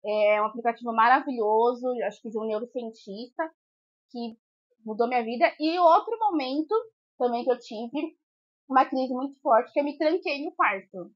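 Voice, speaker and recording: Lively high-voiced woman, casual chat. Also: moderate pace, no room sound, lo-fi sound. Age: 30s. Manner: animated storytelling, acts out quotes with rising pitch. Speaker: podcast co-host.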